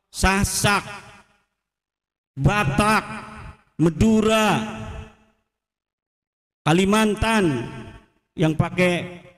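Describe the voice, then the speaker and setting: A male preacher holds forth in a large hall where every word trails off in a long reverb. His high, bright voice moves slowly and deliberately, building into fervent rhetorical shouts when he drives a point home. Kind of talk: public religious lecture.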